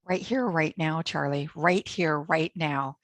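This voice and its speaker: A woman's voice: sits low, takes it slowly, no room sound. A woman co-hosting a Bible teaching, exhorting listeners directly with rousing, repetitive phrases. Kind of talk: preaching-style exhortation.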